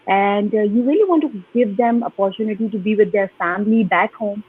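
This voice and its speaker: A woman from Pakistan answers interview questions earnestly, pausing on fillers. Her voice is husky and comes through a tinny, phone-like video call line. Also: mid-range voice. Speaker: guest. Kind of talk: live online interview.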